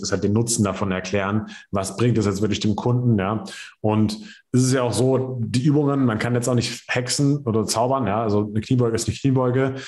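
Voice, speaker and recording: A man with a fairly low voice hosts a relaxed podcast about personal training. He talks loosely, hedging with fillers and checking in with little tag questions. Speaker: podcast host. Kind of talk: casual podcast conversation.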